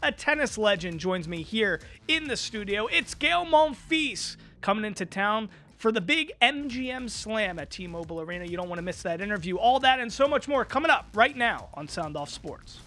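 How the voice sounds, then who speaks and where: High-voiced energetic male sports host. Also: normal speed, few pauses. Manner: energetic, emphatic. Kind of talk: studio sports talk. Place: studio.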